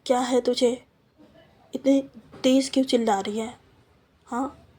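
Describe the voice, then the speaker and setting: Woman reading as a breezy, dismissive young woman in a storytime, higher voice, husky edge. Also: fairly even intonation, a little slow, dark tone. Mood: breezy, defensive.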